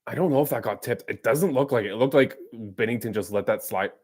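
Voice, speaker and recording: A man's voice: mid-range voice, fast talker. A man streaming a live watch-along of a hockey game, calling the play and bantering with viewers in a teasing, casual way. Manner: chatty, teasing, jumps between play-by-play and banter.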